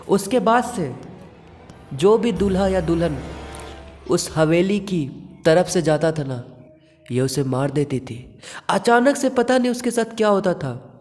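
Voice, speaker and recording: A man's voice: a little high, darkish tone. Man voicing an earnest village uncle. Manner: earnest, cautionary, storytelling. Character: village uncle warning young men about a haunted mansion. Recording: long reverb with background music.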